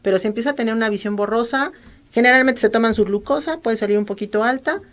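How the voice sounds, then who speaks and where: A woman doctor with a Mexican accent, calmly explaining practical medical advice as an interview guest. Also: on the high side, fast talker. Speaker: ophthalmologist guest.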